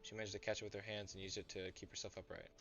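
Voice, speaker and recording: A man's voice: fairly low pitch, flat delivery, rapid-fire, creaky, fairly bright tone. A young man streaming a story game, reading the narration aloud and chatting to viewers between scenes. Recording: dull lo-fi audio, faint music.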